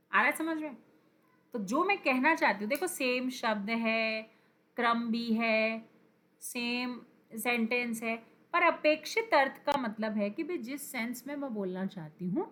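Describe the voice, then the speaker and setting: A woman teacher explaining grammar for exam prep at a deliberately slow pace. Her voice sits a little high and rings bright. She repeats the key words and keeps quizzing her viewers. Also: lively intonation. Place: teaching at a screen.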